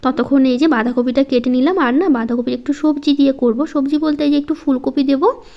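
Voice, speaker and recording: A woman narrating her home vlog in a slow, soft-spoken, halting way. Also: high voice, fairly even intonation, muffled recording. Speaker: home vlogger. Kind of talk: casual voice-over vlog.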